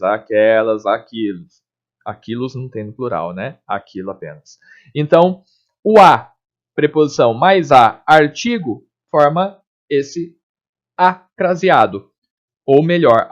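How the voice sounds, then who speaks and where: A man teaching a spelling lesson, explaining step by step and checking in with his students often. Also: fairly high pitch. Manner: explanatory, frequent check-ins like "tá?" and "ok?". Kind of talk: recorded grammar lesson. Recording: dull lo-fi lesson recording.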